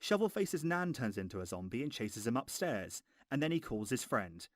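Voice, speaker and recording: A man's voice: medium pitch, sing-song, moderate pace, no room sound, clean studio sound. A man narrating a scripted film review in a mocking, exasperated, sweary way.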